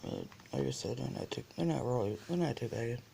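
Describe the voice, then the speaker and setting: Casual snack reviewer, heavy vocal fry, slow halting delivery, noisy recording with crinkling and clicks. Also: mid-range voice, wildly swooping pitch. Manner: halting, reads item by item with pauses.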